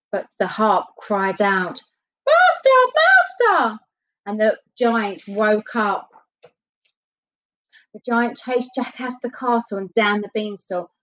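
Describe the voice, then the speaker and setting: Brief: woman storyteller, mid pitch, expressive bedtime reading, lo-fi muffled sound. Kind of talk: reading a children's story aloud. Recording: dull lo-fi recording.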